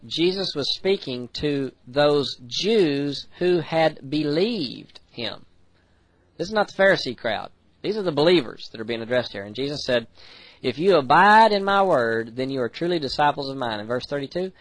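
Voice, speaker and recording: An American man preaches with earnest conviction. He slows down for scripture and rushes through quick personal asides. His voice sits on the higher side and sounds close and dry, with no room echo. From United States. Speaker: pastor. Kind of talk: sermon.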